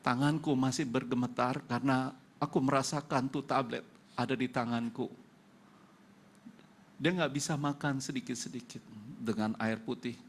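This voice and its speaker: A man's voice: medium pitch, steady tone, moderate pace, pauses often. A male pastor with an Indonesian accent giving an emotional testimony sermon in church, acting out the dialogue of the people in his story.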